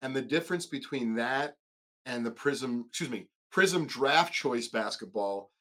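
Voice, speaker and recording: A man's voice: mid-range voice, lively intonation, a little slow, sharp tone. A man co-hosting a podcast, asking questions in a casual, hesitant way full of fillers and self-corrections. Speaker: podcast co-host. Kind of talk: casual chat.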